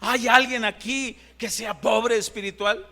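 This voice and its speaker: A man's voice: extremely high pitch, fairly even intonation, measured pace, creaky, sharp tone. A male pastor with a Mexican Spanish accent preaching an impassioned sermon in a church, building to emphatic climaxes. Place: church sanctuary. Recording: long church hall reverb.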